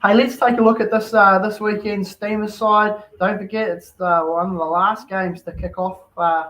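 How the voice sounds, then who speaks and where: A man's voice: high-pitched, fairly even intonation, moderate pace, a bit bright, poor audio. A man hosting a casual chat, talking in an easygoing, matey way. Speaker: host.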